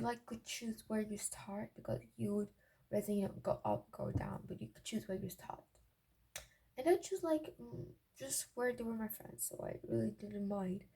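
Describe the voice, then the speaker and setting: A woman's voice: fairly high pitch, mellow. A young woman chatting casually in a giddy, gossipy way, rambling and often interrupting herself. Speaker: vlogger telling personal stories. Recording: clearly noisy raw amateur recording, clicks.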